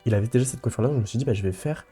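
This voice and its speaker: A man's voice: medium pitch, rapid-fire, dark tone, husky, soft background music. A young man giving casual let's play commentary, rambling with lots of fillers and restarts.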